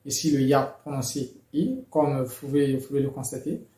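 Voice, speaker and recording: A man explaining pronunciation rules in a measured, methodical lesson, with occasional fillers. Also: medium pitch, steady tone, warm tone, reverberant. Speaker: language teacher.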